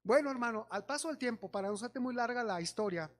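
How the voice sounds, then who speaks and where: A man's voice: very high voice, expressive, quick pace. A man with a Mexican accent preaching a sermon, telling stories and acting out the voices of people in them while exhorting his congregation as brothers.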